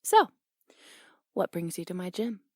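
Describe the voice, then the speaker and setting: A young woman voicing a brash, teasing tomboy boxing coach in an audio role-play, blunt and quick to laugh. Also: fairly low pitch, big pitch swings, no room sound, clean studio sound.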